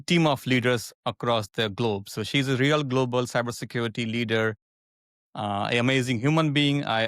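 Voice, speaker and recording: A man's voice: medium pitch, fairly bright tone, clean tone, no echo, clean studio sound. A man hosting a podcast, effusive and repetitive, with frequent tag questions. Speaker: podcast host. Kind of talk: casual interview hosting.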